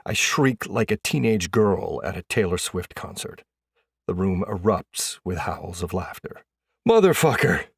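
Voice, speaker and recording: A young adult man narrating an audiobook in the first person in a lively, expressive way. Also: low-pitched, a little slow, gravelly, husky, no room sound, clean studio sound.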